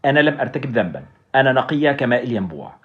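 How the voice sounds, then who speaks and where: A man reading as a gravely injured young woman. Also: mid-range voice, sing-song, very fast, lightly acted. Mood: pleading. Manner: quiet, weakening speech. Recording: dull lo-fi recording.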